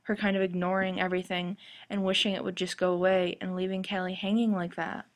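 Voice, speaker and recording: A woman hosting a podcast with measured, explanatory commentary, her voice a little gravelly and husky from a sore throat. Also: on the low side, level tone. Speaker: podcast host. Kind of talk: scripted-sounding TV fan commentary podcast.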